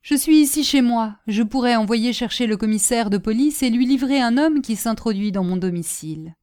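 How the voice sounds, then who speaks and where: A man who has sold his soul, icy and mocking, speaks with calm menace in a spoken storybook. A woman reads him, keeping her voice mellow and warm but flat with contempt. Nothing rattles him. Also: fairly high pitch, normal speed, clear, resonant tone, dry recording, clean studio sound, natural voice. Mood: cold menace. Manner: cold, cutting, sneering. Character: demonic male cashier, cold and scornful. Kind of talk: audiobook character reading.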